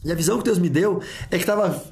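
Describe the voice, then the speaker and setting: A man's voice: sits high, fast, a little hiss or hum. A man with a Brazilian Portuguese accent, a pastor telling a vivid testimony, full of restarts and repeated words. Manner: lively, vivid retelling with many restarts. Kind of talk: testimony storytelling.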